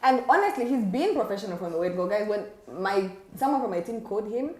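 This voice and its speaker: A woman's voice: medium pitch, expressive, fast, warm tone. Zambian-accented woman interviewer, roomy echo. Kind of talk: casual interview chat. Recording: roomy, echoing sound.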